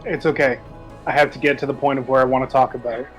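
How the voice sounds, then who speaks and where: A young man joining a livestream over voice chat as a guest, chatting casually in an animated, self-deprecating way. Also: medium pitch, fast, faint music behind, rough recording. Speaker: stream guest, former environmental artist.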